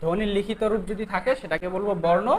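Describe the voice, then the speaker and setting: A teacher runs an exam-prep grammar lesson at a mid-range pitch. The teacher keeps putting questions to the students and checking that they have followed. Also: steady tone, fast talker, a crowd in the background, poor audio. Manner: quizzes students, keeps asking "okay?".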